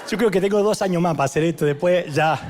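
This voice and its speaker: A man's voice: sits high, a little hiss or hum. A middle-aged man with an Argentine Spanish accent, preaching a sermon as pastor, telling stories theatrically and acting out voices with humor.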